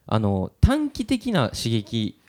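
A man with a Kansai accent hosting a relaxed music-industry chat, talking at length with many fillers. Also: medium pitch, takes it slowly. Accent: Kansai Japanese. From Japan. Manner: animated, recalls his past at length, many fillers. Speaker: musician and podcast host. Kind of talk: casual conversation.

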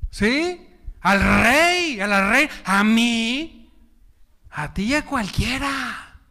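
A man preaching a sermon with call and response, animated, acting out dialogue and dropping to hushed tones. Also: very high-pitched, extremely slow. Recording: long hall reverb.

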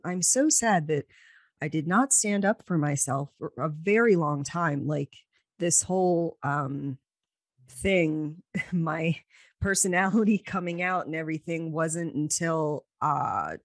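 Low-voiced, halting woman in her forties. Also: no echo, studio quality. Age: 40s. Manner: halting, searching for words. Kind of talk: casual chat.

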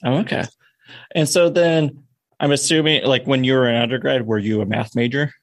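A man hosting a podcast, asking relaxed, curious questions with casual fillers. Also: mid-range voice, normal speed. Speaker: podcast host. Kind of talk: casual interview.

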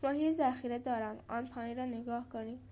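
A woman's voice: on the high side, fairly even intonation, warm tone, lightly acted. A woman voicing a sly, greedy male pelican who taunts the fish he has caught.

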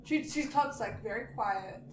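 A woman's voice: a little high, a little slow. A woman co-hosting a casual podcast about a movie, chatty and teasing, with frequent laughter. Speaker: podcast co-host. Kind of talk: casual movie recap chat. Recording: echoey room with clear background noise.

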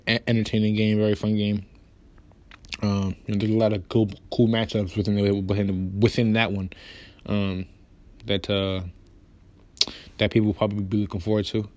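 A man hosting a casual basketball podcast, rambling with lots of fillers and restarts, and quick in delivery. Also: fairly low pitch, a little mellow. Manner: talks fast, says so himself. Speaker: podcast host. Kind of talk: casual sports podcast talk.

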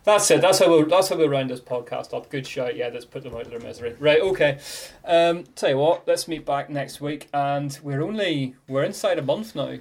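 A man with a gravelly voice, hosting a casual sports podcast discussion. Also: a little high, moderate pace, few pauses. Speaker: podcast host.

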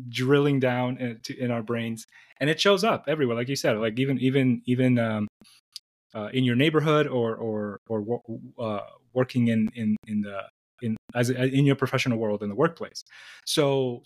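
Talking with medium pitch, this interview guest reflects thoughtfully, often restarting sentences and repeating words. He's middle-aged, Dominican-born and New York City-raised, and the exchange is conversational.

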